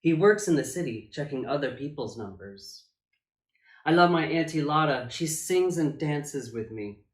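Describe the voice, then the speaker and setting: A man reading a children's picture book aloud as a drag storytime reader, with theatrical, emphatic phrasing and dramatic pauses. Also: on the high side, animated. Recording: echoey room.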